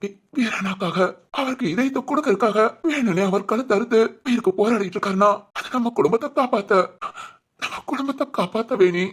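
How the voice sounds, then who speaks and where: A woman doing a calm young husband, husky. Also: a little high, brisk. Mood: firm explaining. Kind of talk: doll-film voice acting.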